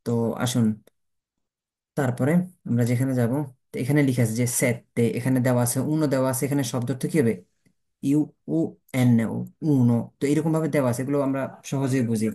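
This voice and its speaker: A man's voice: medium pitch, fairly even intonation, a little fast, dark tone. A man teaching a beginner language lesson, asking rhetorical questions and answering them himself, spelling words out letter by letter.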